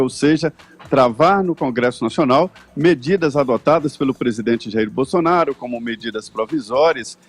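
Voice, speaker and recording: A man with a Brazilian accent giving a steady, explanatory live political report on the radio. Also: fairly high pitch. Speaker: political correspondent.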